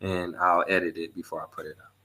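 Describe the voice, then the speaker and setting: A man's voice: sits low, flat delivery, fast, pushed and bright. A man hosting a podcast, asking interview questions politely with formal phrasing. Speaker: podcast host.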